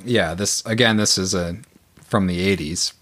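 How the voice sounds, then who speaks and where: Joking lower-voiced male podcast host. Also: normal speed, a bit bright. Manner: joking, reads questions aloud. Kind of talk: casual comedic chat.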